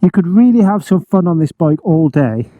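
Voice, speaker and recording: A man reviewing a motorbike outdoors in a casual, enthusiastic way, pausing often with fillers. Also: sits high, animated, warm tone, no echo, highs cut off. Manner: enthusiastic, hesitant with many fillers. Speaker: motorcycle vlogger. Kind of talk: casual first-ride review.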